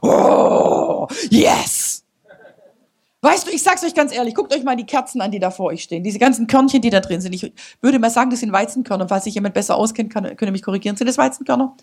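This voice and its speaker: A woman preaching a sermon to her church, passionate and building up to loud exhortation. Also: fairly high pitch, expressive, very fast, hardly any pauses. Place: church service.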